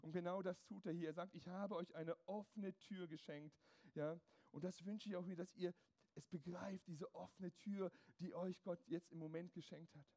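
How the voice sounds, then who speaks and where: A man's voice: high voice, steady tone, normal speed, warm tone. A man preaching a sermon to his congregation, emphatic and driving his points home with strings of rhetorical questions.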